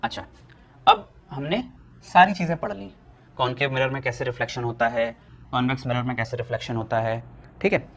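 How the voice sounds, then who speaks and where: A young Indian man teaching a physics lesson at a board, asking questions and answering them himself, slowing down to dictate definitions. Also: on the high side, a bit bright. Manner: asks students questions and answers them himself, repeating key points.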